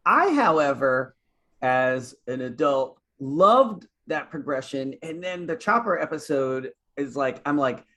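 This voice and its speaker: A man's voice: medium pitch, animated, measured pace, pushed and bright. A man hosting a podcast, chatting casually and enthusiastically and steering the talk to the next topic. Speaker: podcast host. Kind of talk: casual chat.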